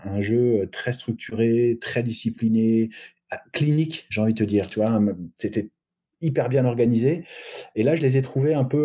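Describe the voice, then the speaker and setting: A man's voice: mid-range voice, warm tone, slightly rough. A middle-aged man as a podcast guest, giving thoughtful rugby analysis with many hesitations and restarts. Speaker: guest sports agent. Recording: muffled lo-fi recording.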